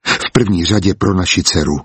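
A man's voice: low voice, fairly bright tone, breathy edge, dry recording, full character voice. A man voicing a hardened former executioner who speaks coldly and bluntly. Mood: cold, firm. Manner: cold, blunt. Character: hardened former executioner, steady husband, nerves of steel.

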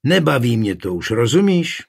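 An irritable, defensive husband, voiced by a male reader, gruff and sharp when crossed. His husky tone stays close to the reader's own, as in a told story. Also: medium pitch, sing-song, full character voice.

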